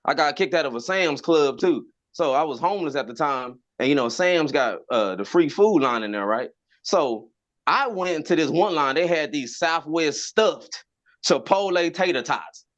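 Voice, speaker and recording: A man's voice: a little high, moderate pace, dull audio. Stammering man doing a stand-up set. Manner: stammering repeats, animated storytelling. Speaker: stand-up comedian.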